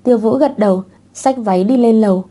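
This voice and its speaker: Giọng nữ kể truyện đều đều, ấm áp, gần như không đổi giọng khi đọc lời nhân vật. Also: female voice, a little high, a little fast, mellow. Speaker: narrator. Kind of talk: audiobook narration of a web novel.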